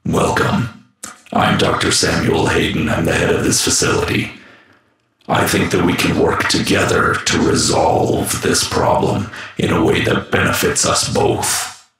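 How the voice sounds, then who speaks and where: A man's voice: very deep voice, completely flat delivery, measured pace, fairly bright tone, exaggerated voice. A man voicing an ominous robot doctor from a video game, grumbly and tube-like, through a robotic filter with a small echoing reverb. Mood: ominous, composed. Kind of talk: video game character lines.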